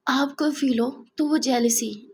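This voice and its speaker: A woman's voice: high-pitched, slow pace, husky, heavily acted. A woman voicing a hot-tempered, jealous young woman who snaps and mocks in a sarcastic way. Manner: snappy, sarcastic.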